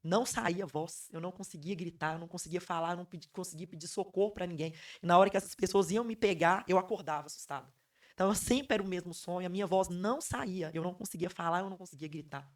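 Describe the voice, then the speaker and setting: Hoarse woman telling her story. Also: lowish voice, fast, distant mic. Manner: emphatic, repeats phrases for effect. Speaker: podcast guest. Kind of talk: emotional personal storytelling.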